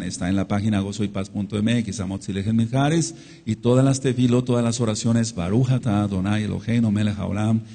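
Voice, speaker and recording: A man's voice: on the low side, dark tone. A man with a Mexican Spanish accent teaching a sermon-style Torah study, repeating phrases for emphasis and calling out amen and hallelujah. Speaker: congregation teacher. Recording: long hall reverb.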